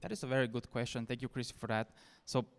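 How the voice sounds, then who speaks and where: A fast-talking man with a medium-pitched, steady voice and noticeable vocal fry presents a keynote in an echoey conference hall. He is from Bulgaria, his native language is Bulgarian, and he speaks earnestly and persuasively with repeated restarts.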